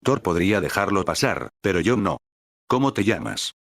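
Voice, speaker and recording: A man's voice: low-pitched, lively intonation, normal speed, creaky, a bit bright, no room sound, clean studio sound, heavily acted. A man voicing an arrogant, haughty male trickster god who talks in an imperious, scornful way.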